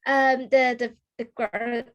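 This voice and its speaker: Halting woman interviewer, rather high voice. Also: flat delivery, a bit bright, dull audio. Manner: halting, repeats words while phrasing questions. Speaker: interview host. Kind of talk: casual interview.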